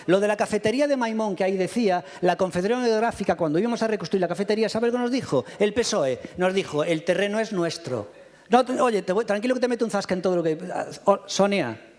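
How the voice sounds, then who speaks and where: A man, answering opponents in a heated council debate with combative, rapid rebuttals into a podium microphone in a council chamber. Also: high-pitched, darkish tone. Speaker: mayor answering in a council session. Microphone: fixed podium microphone.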